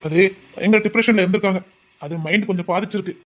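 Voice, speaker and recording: A man acts out a dutiful village policeman. His voice stays soft and reassuring. He speaks with quiet, gentle care in a Tamil audio drama. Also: high voice, fast talker, close to an everyday voice. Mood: calm.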